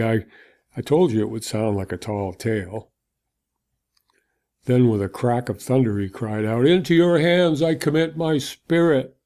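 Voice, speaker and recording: A man's voice: fairly low pitch, gravelly, mellow. A man playing a weary Roman soldier in a dramatic monologue, telling his story in a reflective, conversational way. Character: weary Roman soldier recounting an execution, awed.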